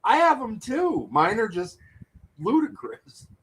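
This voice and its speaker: A man with a slightly raised pitch trades jokes and curses in a loose, bantering chat. He talks casually and teases his friend. There is an easy podcast-style feel to the way he speaks. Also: very animated, slow pace, a bit bright, husky, poor audio. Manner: profane, joking and teasing.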